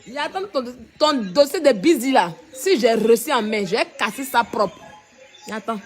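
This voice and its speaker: High-voiced woman mocking on a live stream. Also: animated, moderate pace, soft background music. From Ivory Coast. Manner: mocking, repetitive, laughing. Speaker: social media commentator.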